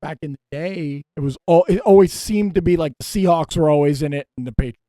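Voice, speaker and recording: A man co-hosting a casual podcast who rambles and hesitates, circling back with fillers. His voice sits a little high. The sound is close and dry. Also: fast, dark tone, no room sound. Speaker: podcast co-host. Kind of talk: casual chat.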